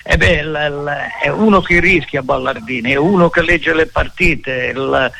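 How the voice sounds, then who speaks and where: A man with an Italian accent giving unscripted tactical football analysis as a pundit, halting and repeating himself for emphasis. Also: a little high, creaky, pushed and bright, a little hiss or hum.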